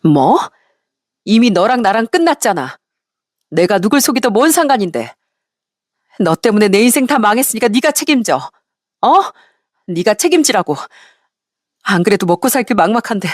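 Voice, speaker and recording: A woman voicing a brazen young ex-wife who yells and accuses in a high, strained voice. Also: big pitch swings, moderate pace, hardly any pauses, no echo, studio quality, exaggerated voice. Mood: angry shouting. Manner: yelling, accusing, high-pitched. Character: shrill, brazen young ex-wife screaming in anger.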